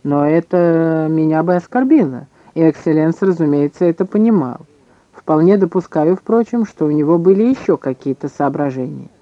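A man reading an audiobook in measured, scripted narration. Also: a little high, animated, no room sound, muffled recording.

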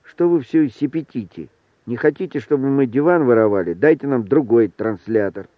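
A sullen young wizard answers gruffly in a husky voice, played by a man. He sounds rude and unbothered. The recording is thin and dry, like a phone line. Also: medium pitch, normal speed, dry recording, close to an everyday voice. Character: gruff, surly young male wizard, hoarse.

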